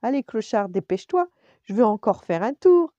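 A woman's voice: mid-range voice, lively intonation, moderate pace, mellow, dry recording, dull audio, voice pushed up, natural voice. An older woman voicing a dainty, cautious young female dog in a storybook reading. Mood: excited. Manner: hesitant, then eager.

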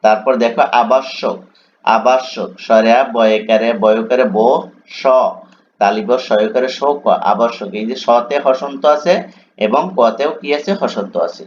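A man coaching exam students, spelling out words letter by letter and checking often whether they follow. His voice sits at an ordinary middle pitch. The recording sounds dull and lo-fi, with a faint hiss of background noise. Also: measured pace. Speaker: teacher.

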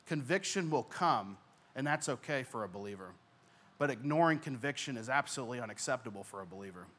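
A young man preaching a sermon on a church stage, speaking earnestly into a handheld mic, rising in volume on key points and dropping soft at the ends of phrases. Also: medium pitch, expressive, quick pace. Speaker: pastor.

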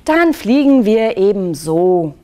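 A woman voicing a bossy but soft-hearted bearded vulture in a children's story reading, with gruff commands that give way. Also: mid-range voice, sing-song, slow pace.

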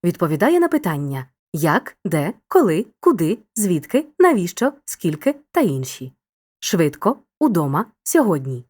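A woman narrating a scripted school grammar lesson in a clear, upbeat, encouraging teacher's tone. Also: fairly low pitch, big pitch swings, a little slow, darkish tone.

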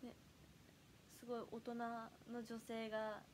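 A young woman in her early twenties chats casually on a livestream, thanking viewers and reading their comments. Her voice sits very high, and it cracks upward whenever she raises it. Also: completely flat delivery, takes it slowly. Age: early 20s. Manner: chatty, reads fan comments aloud, voice flips up when loud. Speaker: idol livestream host.

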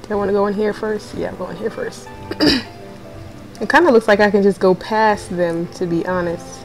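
A woman's voice: mid-range voice, normal speed. A woman playing a video game at home, chatting casually to herself while she has the hiccups. She laughs a lot and swears freely. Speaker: let's play gamer. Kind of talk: casual gameplay commentary. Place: at home with others nearby. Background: faint game music.

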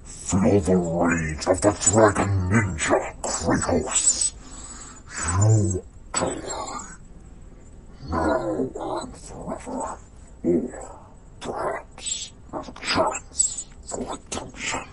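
A man voicing a brooding boy turned dragon beast, gravelly, ominous and dramatic, in a homemade fantasy story. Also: low voice, drawn-out words, crowd noise, pitched below the performer's own voice. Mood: vengeful. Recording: noisy homemade recording.

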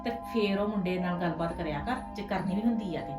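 A woman's voice: lowish voice, fast, distant mic, close to an everyday voice. A middle-aged woman playing a scheming aunt who arranges a match, persuading and pressing for agreement. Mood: coaxing. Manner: persuasive, keeps asking for agreement. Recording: echoey room, voice from afar, music behind.

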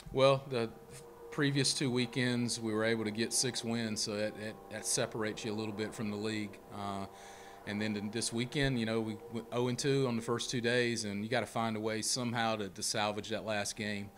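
A man's voice: fairly low pitch, flat delivery, fairly quick, background noise. A middle-aged man, a head baseball coach at a postgame press conference, talking plainly and steadily with many fillers into a handheld mic. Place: press room before a sponsor backdrop. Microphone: handheld mic held close.

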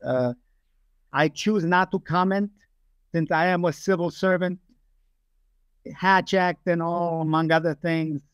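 Older guest from Romania, emphatic and rambling, fairly high voice, dry home video-call sound. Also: male voice, steady tone, measured pace, pauses often, smooth, dry recording. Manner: emphatic, digressive, frequent fillers. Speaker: guest, aerospace engineer. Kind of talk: casual interview over video call. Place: home room, indoors. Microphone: webcam video call.

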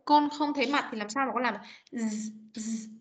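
A high-voiced woman who teaches English speaks at a quick pace during an online class. She coaches young students patiently on pronunciation via video call, modelling every sound repeatedly, and the audio comes through dull and muffled.

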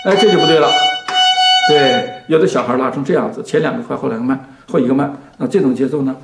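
A man teaching violin, speaking slowly and patiently to a student, his sentences trailing off softly. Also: mid-range voice, creaky, over loud music. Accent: Mandarin Chinese. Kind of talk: explaining to a student in a lesson. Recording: echoey room with violin playing.

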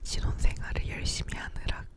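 Soft, unhurried whispers come from a young woman chatting casually about her day-to-day life for an ASMR video. She's at home in the living room, very near an ear-to-ear microphone positioned by her mouth.

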